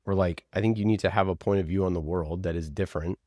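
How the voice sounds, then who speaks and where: His voice sits low and warm with fairly even intonation, and he speaks fast. As a guest on an interview, this podcast producer chats casually yet argues with emphatic, passionate conviction and rhetorical questions, captured in a dry, studio-quality recording.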